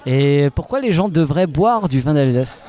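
Jokey high-voiced male festival interviewer. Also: lively intonation. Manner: jokey, teasing, halting with many fillers. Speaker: festival podcast host. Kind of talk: roving interview at an outdoor wine festival. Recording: muffled lo-fi recording.

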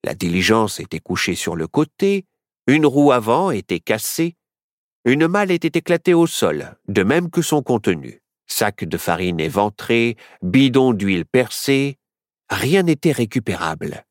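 Man reading a kids story aloud, lively up-and-down voice, dry close sound. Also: medium pitch, a little slow, dry recording. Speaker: narrator.

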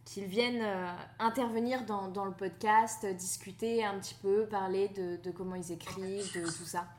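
A woman's voice: mid-range voice, steady tone, moderate pace, a little mellow. A woman hosting a casual podcast interview, hesitant and thinking aloud with many fillers. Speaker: podcast host.

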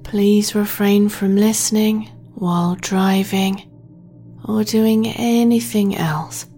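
Female sleep meditation host; breathy half-whisper, very unhurried, soft music bed. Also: medium pitch, steady tone. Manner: slow, soothing, gentle delivery.

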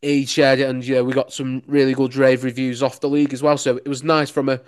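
Fast, smooth and level in tone, a young man's mid-range voice carries a Lancashire accent. He works as a local radio sports reporter and gives casual, enthusiastic interview answers stuffed with "you know"s.

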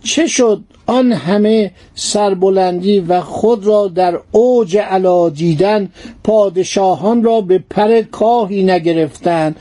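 A man voicing a boastful, gloating middle-aged sultan who taunts a captive slowly and deliberately. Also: sits high, dark tone, natural voice.

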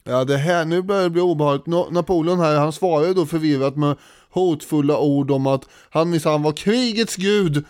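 Male podcast co-host, casual history storyteller, smooth resonant voice, slightly high, dry close sound. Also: no echo. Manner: animated retelling with frequent fillers.

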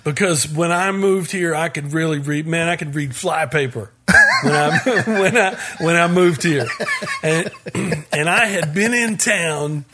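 Laid-back man telling stories, fairly high voice. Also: measured pace, slight background noise. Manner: relaxed, laughing, trailing restarts. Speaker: guest musician. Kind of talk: casual interview storytelling.

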